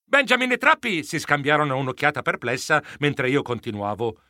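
Animated male storybook narrator, flustered mouse. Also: a little high, normal speed, no echo, clean studio sound. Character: fussy, flustered male mouse newspaper editor. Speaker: audiobook narrator. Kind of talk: expressive first-person storybook narration.

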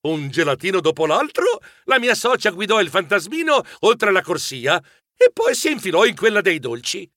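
Lively playful male storyteller. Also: high-pitched, moderate pace, no echo, studio quality. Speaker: narrator. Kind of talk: children's audiobook narration.

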